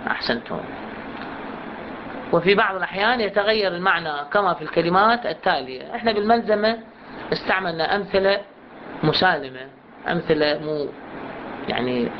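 A woman with an Iraqi Arabic accent teaching Quran recitation in a class, explaining patiently and saying words slowly for students to repeat. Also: on the low side. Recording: muffled recording with steady background noise.

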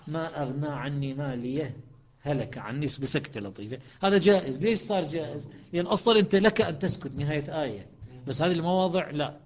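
Iraqi guy teaching recitation, kinda high voice, muffled lo-fi recording, slows way down for verses. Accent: Iraqi Arabic. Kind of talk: classroom lesson on recitation. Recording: dull lo-fi recording.

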